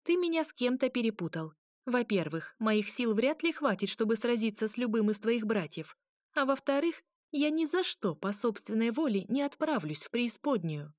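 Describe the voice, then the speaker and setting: Casting: woman doing a young witch, sarcastic and snappy, voice pitched up, dry close sound. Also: big pitch swings, normal speed, a little mellow, no echo. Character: sharp-tongued young witch, irritable and sarcastic.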